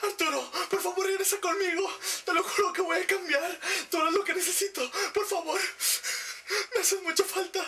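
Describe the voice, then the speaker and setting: A man's voice: very high-pitched, steady tone, normal speed, pushed and bright, voice pushed up, exaggerated voice. A man voicing a tearful, pleading telenovela heroine who begs melodramatically. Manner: sobbing, begging, melodramatic.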